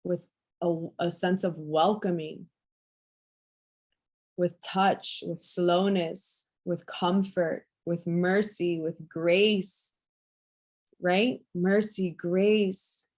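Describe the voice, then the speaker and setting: A woman leading a group coaching call, speaking softly and affectionately and lingering over repeated words. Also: fairly low pitch, steady tone, very slow. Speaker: women's empowerment coach.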